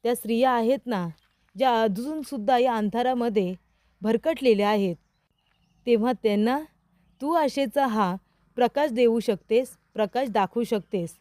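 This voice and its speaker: A woman's voice: on the high side, normal speed, dark tone, dry recording, lightly acted. A woman voicing an earnest young husband. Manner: explaining patiently, rhetorical questions. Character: young man, teacher, teasing then earnest.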